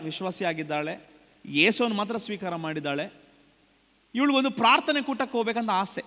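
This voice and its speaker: A male pastor preaching in a church hall, his high, bright voice carried by a long reverb. He tells a story and then presses questions on his congregation. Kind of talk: sermon.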